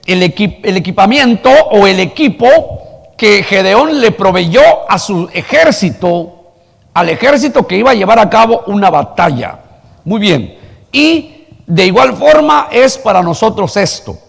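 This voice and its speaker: A man's voice: sits high, sing-song, a little slow, gravelly, big-room sound. A man preaching a sermon as pastor, asking the congregation rhetorical questions and telling a story. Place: church hall.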